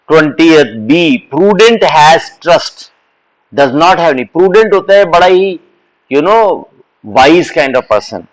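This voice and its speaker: A man's voice: a little high, poor audio. A man teaching a live online exam-prep lesson, mixing Hindi and English and calling his students beta. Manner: mixes Hindi and English, addresses students as beta, slow deliberate explanations.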